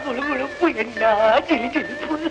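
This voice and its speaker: A fussy, comic village elder. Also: male voice, extremely high pitch, measured pace, loud music behind the voice, poor audio. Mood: amazed. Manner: comic, exclaiming, animated. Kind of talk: 1960s Tamil comedy film acting.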